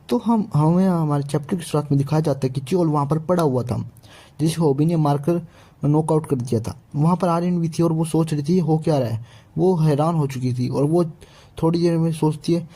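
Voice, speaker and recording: A man's voice: a little high, a little fast, mellow, slightly rough. A man casually retelling a manhwa chapter, with frequent restarts and fillers. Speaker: manhwa recap narrator. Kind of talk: casual story recap.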